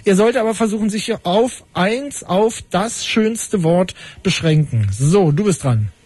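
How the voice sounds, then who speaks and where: Male call-in host, quick and wry, husky dry studio voice. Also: high voice, lively intonation, darkish tone, no echo. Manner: brisk, wry, cutting callers short. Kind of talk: fast call-in radio show.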